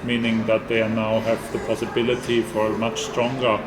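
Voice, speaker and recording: A man giving formal interview answers as an institute director, measured and full of ums and restarts. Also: lowish voice, reverberant, a crowd in the background, rough recording. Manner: measured, flat delivery with frequent ums and restarts.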